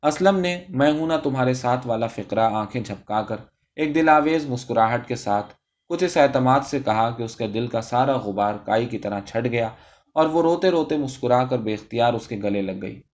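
A man reading a story aloud as narrator in a steady, even manner. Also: medium pitch, dull audio.

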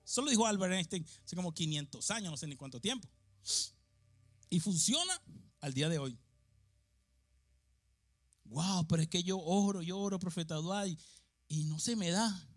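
A man from Venezuela preaching a sermon in a church, moving between quiet, confiding passages and shouted, fervent exhortation. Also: expressive, normal speed, long pauses, faint music behind. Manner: impassioned, swings from low confiding to shouted exhortation.

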